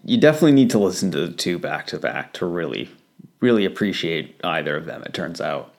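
Low-voiced man in casual music chat. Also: animated, brisk, creaky. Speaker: podcast co-host.

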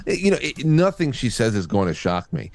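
A man hosting a casual chat, rambling with halting restarts. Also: medium pitch, big pitch swings, creaky, a little mellow, no room sound. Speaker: host.

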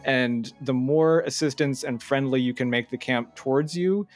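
A man's voice: medium pitch, normal speed. Male game master, plain explanatory delivery, faint music bed. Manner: explains rules plainly, with fillers. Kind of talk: narrating a tabletop game.

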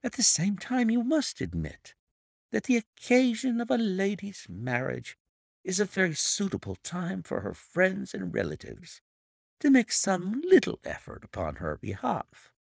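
Voicing a purring, smug middle-aged blackmailer for an audiobook, a man delivers threats with false, mock-sympathetic pity in an exaggerated, oily, unctuous character voice. Pitched noticeably high, it swings hugely at a leisurely pace, gravel running under the silk. It's captured close and dry, with no room sound.

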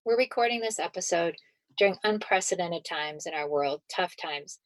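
A woman hosting a podcast, reading a prepared introduction and putting questions to a guest in a measured, formal way. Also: on the low side, animated, no echo. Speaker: podcast host. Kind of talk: scripted introduction and interview questions.

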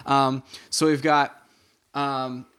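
A man's voice: mid-range voice, little pitch movement, extremely slow, a bit bright, clean tone. A man co-hosting a casual podcast, talking through a TV episode in a rambling way with many restarts and fillers. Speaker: podcast co-host. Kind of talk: casual TV episode recap chat.

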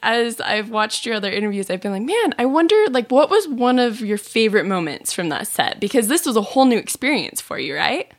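A woman's voice: medium pitch, fairly quick, hardly any pauses. A woman hosting a podcast interview, asking questions in an upbeat, chatty way. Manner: lively, upbeat, with easy laughter.

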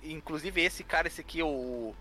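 A man's voice: fairly high pitch, measured pace, bright, forceful tone, slight background noise. A man with a Brazilian Portuguese accent co-hosting a podcast, joking and rambling through playful theories. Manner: jokey, rambling speculation with laughs. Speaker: podcast co-host. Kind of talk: casual comedic podcast banter.

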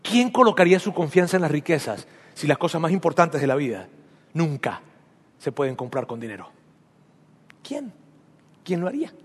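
This pastor's sermon echoes through a church hall with a long reverb tail as he emphatically repeats phrases and leads the congregation in declarations. His husky, slightly high voice is sing-song, moving at a moderate pace with frequent pauses.

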